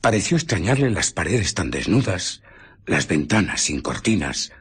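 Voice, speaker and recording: An actor with an accent from Spain playing an obsessive, irritable, secretive scientist in a radio drama, telling his story theatrically in a husky, breathy voice. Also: sits low, sing-song, normal speed, exaggerated voice. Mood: muttering, contemptuous. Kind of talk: Spanish radio drama acting.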